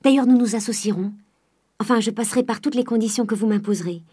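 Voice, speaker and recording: A woman voicing hushed pleading young heiress. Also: a little high, fast talker, husky. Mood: joyful. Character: young provincial heiress, shy, devoted, pleading.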